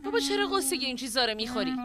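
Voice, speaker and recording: A practical, tough young village sister, firm and blunt. Her voice sits high. Loud music plays behind her. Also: animated. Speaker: elder sister.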